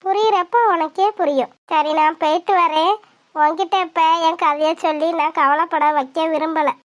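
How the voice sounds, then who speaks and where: A woman voicing a meek, patient young village woman in a cartoon, who speaks softly and quietly. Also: sits high, steady tone, normal speed, voice pushed down, close to an everyday voice. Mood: resigned. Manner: soft, resigned, quiet. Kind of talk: cartoon voice acting.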